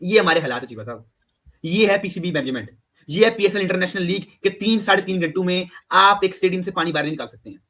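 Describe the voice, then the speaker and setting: A man's voice: sits high, quick pace. A man with a Pakistani Urdu accent giving sarcastic, mocking cricket commentary. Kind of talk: opinion commentary.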